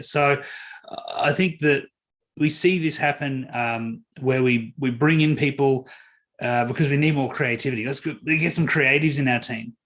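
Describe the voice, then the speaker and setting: A middle-aged man speaks as a guest on a podcast interview. His tone is earnest and he pauses often with fillers while telling stories, at a medium pitch. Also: a bit bright. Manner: earnest, storytelling, many fillers.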